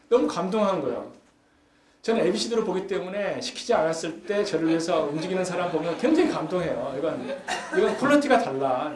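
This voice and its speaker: Man, forum lecturer, conversational talk, slightly high voice, acts out scenes, echoey hall. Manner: chatty, acts out everyday scenes with rising emphasis. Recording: echoey hall with faint background hum.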